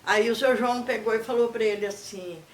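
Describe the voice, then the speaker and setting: An older woman with a Brazilian accent, telling family stories in a lively way and acting out the people she quotes. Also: fairly high pitch, brisk, echoey room. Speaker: interviewee. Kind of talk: oral history storytelling.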